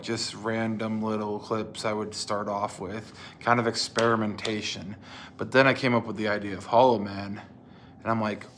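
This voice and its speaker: A man's voice: lowish voice, a bit bright, slight background noise. A man in his twenties telling a casual, rambling story about his old video series, with lots of fillers and restarts.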